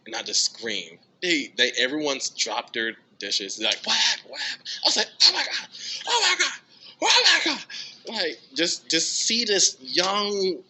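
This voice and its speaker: A young man from the United States talks about his music in a relaxed, chatty way. His voice is very bright, and light noise sits behind him. When he quotes himself his pitch leaps up into excited, squealing outbursts. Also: poor audio. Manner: animated, bursts into high excited exclamations when quoting himself. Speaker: drummer, interview guest. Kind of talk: casual storytelling interview.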